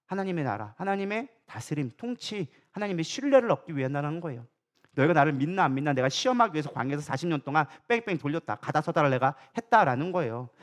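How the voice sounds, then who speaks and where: A man who is a church co-pastor, preaching a sermon in a lively, colloquial way, firing rhetorical questions at the congregation and mixing in humorous asides. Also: fairly high pitch, fast talker. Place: church sanctuary.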